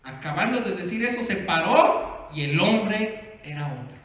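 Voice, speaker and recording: A man's voice: sits high, animated, measured pace, a bit bright. A male pastor preaching a sermon, speaking emphatically and calling for responses from the congregation. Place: church hall. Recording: echoey hall with long reverb.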